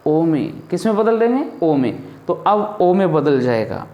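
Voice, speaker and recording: A man's voice: a little high, very animated, a little slow, reverberant, muffled recording. A male teacher from India giving a classroom lesson, asking his pupils questions and then answering them himself. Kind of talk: classroom lesson on Hindi grammar.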